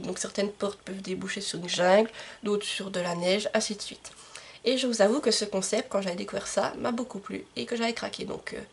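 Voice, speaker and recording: A woman's voice: medium pitch, slightly rough. A woman book vlogger talking casually to the camera, presenting books with many fillers and self-corrections. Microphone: camcorder microphone.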